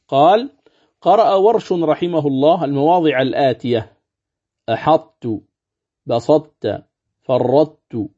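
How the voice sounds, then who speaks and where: A sheikh teaching a recorded lesson on Quran recitation. He explains step by step, repeats his points and slowly demonstrates recited words. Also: mid-range voice, mellow. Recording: dull lo-fi recording.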